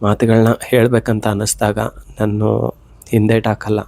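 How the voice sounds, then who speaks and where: Feverish man in a devotional pep talk, earnest and pleading, narrow pitch, dry close sound. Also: completely flat delivery, normal speed, no room sound. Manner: earnest, pleading, gently coaxing. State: unwell with a fever. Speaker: devotional motivational speaker. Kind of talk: direct heartfelt address to the viewer.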